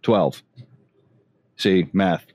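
A man's voice: deep voice, extremely slow, darkish tone, dull audio, a little hiss or hum. A man playing a tabletop game, joking wryly about his dice rolls. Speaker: player. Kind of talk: casual tabletop play.

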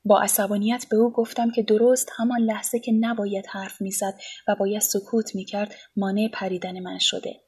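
A woman narrating a literary novel in quiet, measured storytelling, sometimes dropping near a whisper. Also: mid-range voice, slightly rough. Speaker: audiobook narrator.

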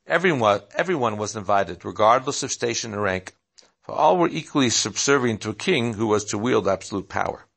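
A man reading a story aloud at a steady pace, with small slips and restarts. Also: fairly low pitch, a little fast, creaky.

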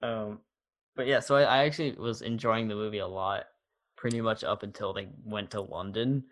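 Young man, podcast co-host, low and relaxed, fades at sentence ends. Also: normal speed. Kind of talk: casual chat. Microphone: audio-only podcast mic.

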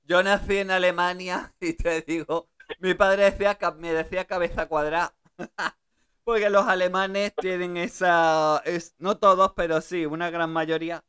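A woman hosts a relaxed radio conversation, her voice smooth and clear. She talks in a chatty, easygoing way and laughs readily between thoughts. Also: fairly low pitch, unhurried. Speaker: radio host. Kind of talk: casual radio chat.

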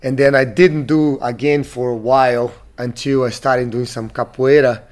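A man's voice: mid-range voice, fairly even intonation, normal speed. A man from Brazil in his thirties, a gym owner being interviewed, talking casually with many restarts and fillers.

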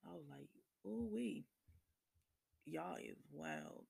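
Gravelly, husky laid-back man. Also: a little high, huge pitch swings, slow, darkish tone, no room sound. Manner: laid-back, slangy, swears freely, laughs often. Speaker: podcast host. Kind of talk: casual solo chat.

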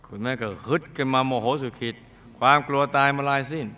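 A man narrating a true-life karma story as host of a spoken program, dramatic and now and then playful. His voice is bright and crisp, sitting at an ordinary pitch for a man. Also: fairly even intonation, fast.

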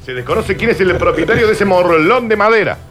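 A man hosting a joking radio news chat, animated, with sudden high squeals. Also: a little fast, music in the background. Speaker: radio show host.

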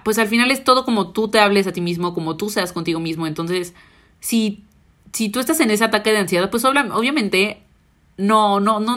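A woman's voice: medium pitch, fairly bright tone. A young woman, co-hosting a casual chat, thoughtful and often searching for her words. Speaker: podcast co-host.

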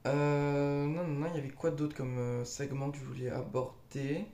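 A man's voice: on the high side, flat delivery, moderate pace, dark tone, slight background noise. A young man co-hosting a casual podcast chat, with slangy, informal phrasing. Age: young adult. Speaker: co-host. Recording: echoey room.

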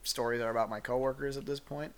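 A man's voice: medium pitch, steady tone, fast talker, slight background noise. A young man co-hosting a casual podcast, trading dry wisecracks and telling a story about a coworker. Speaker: podcast co-host. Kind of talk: casual chat.

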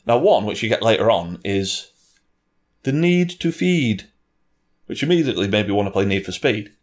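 Speaking at a fairly low pitch with big swings and a moderate pace, a man gives wry, opinionated film and game reviews in a casual two-person talk. He curses now and then and slips into mock voices as he rants.

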